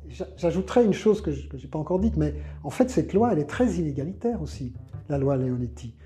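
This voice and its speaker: A woman with a very dark, mellow tone speaks in a casual discussion, restarting words as she builds her argument. Soft music plays faintly behind. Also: sits low, lively intonation, a little fast. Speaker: discussion participant.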